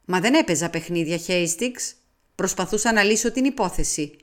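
A vain, meticulous middle-aged Belgian sleuth, voiced by a woman reader in an audiobook. He speaks with calm self-assurance and a fastidious precision, slipping in the odd French word. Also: fairly low pitch. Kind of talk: audiobook character reading.

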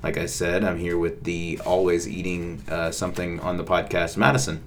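Deep-voiced rambling man. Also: flat delivery, normal speed, a little hiss or hum. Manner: rambling, repeats words, many fillers. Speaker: podcast co-host. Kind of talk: casual couple's podcast chat.

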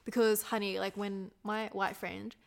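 A woman's voice: medium pitch, level tone, measured pace, creaky. A woman co-hosting a casual chat, laughing often and swearing freely as she reads jokes aloud. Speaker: podcast co-host.

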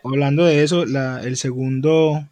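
A man's voice: mid-range voice, steady tone, normal speed, warm tone. A man who is a guest on a podcast, explaining in casual conversation with hesitant starts. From Colombia.

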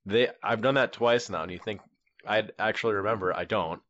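A podcast co-host with a lowish, slightly bright voice tells rambling everyday stories at a fairly quick clip, acting out the dialogue in casual chat. The sound is dull and lo-fi.

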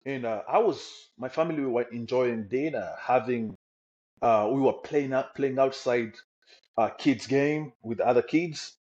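A man's voice: medium pitch, a little slow. Eager young man from the Congo, lo-fi. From Democratic Republic of the Congo. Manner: energetic and enthusiastic. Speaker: podcast guest. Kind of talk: personal story interview. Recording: slightly dull lo-fi audio.

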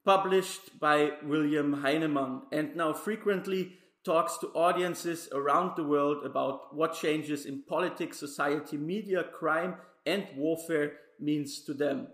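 A man's voice: a little high, a little slow, fairly bright tone. Formal podcast host, man, roomy echo. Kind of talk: scripted podcast introduction. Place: Brussels.

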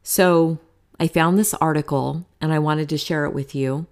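Her voice sits low, slightly mellow and steady, at a normal speed. A podcast host in her forties, she talks on her own about happiness, candid and chatty, motivational, and not shy about casual swearing.

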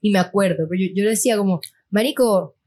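A young adult woman with a Venezuelan accent, telling stories on a podcast in an animated, slangy and profane way. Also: mid-range voice, very fast. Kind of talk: casual chat.

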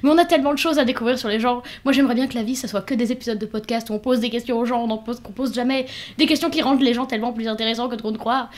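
Fast-talking playful woman host. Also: fairly high pitch. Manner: playful, lyrical, self-mocking. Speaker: podcast host. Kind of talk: podcast intro and casual chat.

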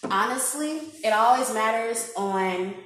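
A woman's voice: on the high side, a little slow, a bit bright, very echoey, slight background noise, rough recording. A woman in her twenties from Illinois, a podcast guest, chatting upbeat with lots of fillers. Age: 20s. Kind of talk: casual chat.

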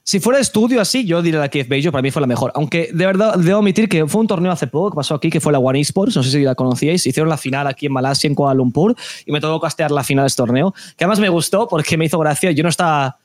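A man's voice: fairly high pitch, rapid-fire, no room sound. A man from Spain with a Spanish accent, an esports caster chatting casually and animatedly, with many restarts. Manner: animated, opinionated, frequent restarts. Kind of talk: casual podcast chat.

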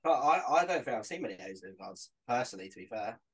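A man's voice: mid-range voice, very animated, fast, breathy edge, low-quality recording. A man chatting on a podcast, laid-back and hesitant, often repeating words. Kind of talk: casual podcast chat.

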